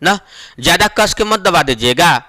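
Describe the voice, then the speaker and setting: A man teaching a Hindi exam-prep lesson, slow and emphatic. He repeats each point, asks and answers his own questions, and draws out vowel sounds to show them. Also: sits high, expressive, sharp tone, no echo.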